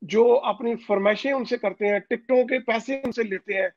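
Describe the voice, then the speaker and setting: A man's voice: extremely high pitch, normal speed, no echo. A man from Pakistan speaking as an interview guest over a phone call line, insistent, with many hesitant fillers. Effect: voice heard over a phone call line. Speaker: interview guest, overseas community leader. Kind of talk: political interview. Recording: dull, dry phone call audio.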